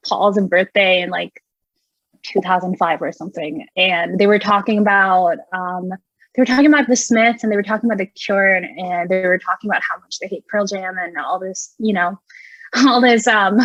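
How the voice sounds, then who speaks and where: A young woman who grew up in Indonesia, a music writer, is a guest in a casual interview. Her medium-pitched voice is a bit bright, and she's chatty and enthusiastic, with lots of fillers and laughs. The low-quality recording has no echo.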